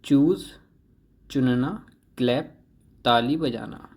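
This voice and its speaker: Male teacher, slow and careful delivery, reads a word list and stresses correct pronunciation. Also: mid-range voice, darkish tone. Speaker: English vocabulary teacher. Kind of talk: reading a word list with Hindi meanings.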